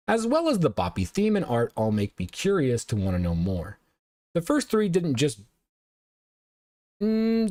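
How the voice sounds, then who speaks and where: A man's voice: mid-range voice, a little mellow, no echo. A male show host casually recapping and reviewing anime episodes, rambling and often correcting himself with lots of uhs.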